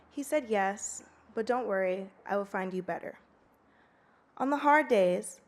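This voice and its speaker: Earnest young woman giving a speech. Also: mid-range voice. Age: late teens. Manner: earnest and heartfelt, reading steadily. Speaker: student speaker. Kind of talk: prepared public speech.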